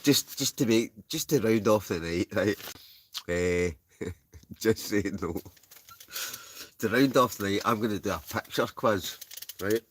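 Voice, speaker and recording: A man's voice: on the low side, a little slow, long pauses, breathy edge. A Scottish man chatting casually to livestream viewers in a rambling, chuckling, easily sidetracked way. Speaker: livestream host. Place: inside a tent.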